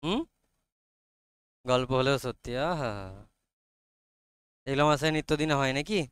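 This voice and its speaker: A male teacher giving a lecture, dictating notes slowly, spelling words out letter by letter and often asking whether students have understood. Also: a little high, fairly bright tone, clear, resonant tone, no room sound, studio quality. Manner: checks understanding with frequent questions and spells words aloud letter by letter; dictates notes slowly, correcting himself as he goes. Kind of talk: classroom lecture.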